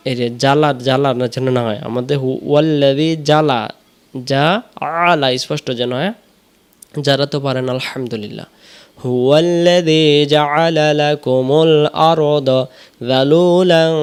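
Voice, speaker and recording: A man teaching Quran recitation, slowly drawing out the verses and then explaining each sound quickly. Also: medium pitch, a little mellow. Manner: slow drawn-out recitation alternating with quick explanations.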